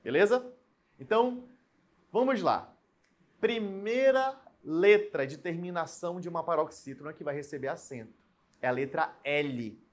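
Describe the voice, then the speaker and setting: A man teaches a recorded grammar lesson, laying out rules step by step and checking in with his students often using "né?" and "beleza?". He explains carefully, repeating example words and stretching them out. His voice is fairly high, expressive, and a little slow.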